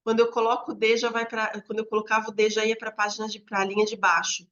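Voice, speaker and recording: A Brazilian woman training teachers, explaining classroom methods step by step in a conversational way, often checking in with a quick "né?". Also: fairly high pitch, little pitch movement, fairly bright tone. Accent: Brazilian Portuguese. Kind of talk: instructional talk to teachers. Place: home room near a street. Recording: slightly dull lo-fi audio.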